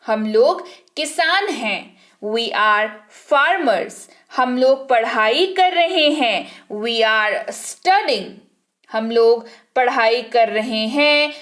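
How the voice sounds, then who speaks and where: A woman teaching English vocabulary, reading each example sentence very slowly and clearly, twice over. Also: a little high, fairly bright tone. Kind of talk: vocabulary lesson with slow spoken examples.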